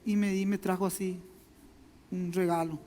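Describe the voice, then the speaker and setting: A man's voice: high voice, little pitch movement, moderate pace, mellow. A man with a Paraguayan Spanish accent, a pastor giving a conversational sermon full of personal stories, often repeating his words and speaking straight to the congregation. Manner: conversational, repeats words, addresses listeners directly. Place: church sanctuary. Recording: long hall reverb, faint music.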